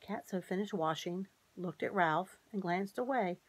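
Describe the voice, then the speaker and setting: A woman's voice: lowish voice, husky. Woman reading a children's storybook. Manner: measured, gently expressive reading. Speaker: narrator. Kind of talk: storybook read-aloud.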